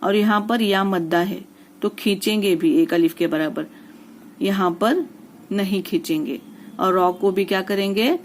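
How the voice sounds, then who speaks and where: Slow, patient woman teaching recitation. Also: mid-range voice, slight background noise. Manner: patient, spells out letters and vowel marks slowly, repeats each word; often checks in with the listener. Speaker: Quran reading teacher. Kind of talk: step-by-step recitation lesson.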